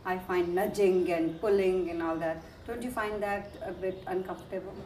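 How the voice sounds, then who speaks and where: A woman interviewer asking probing questions with quick follow-ups. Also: on the low side, fairly even intonation, darkish tone, echoey room, a little hiss or hum.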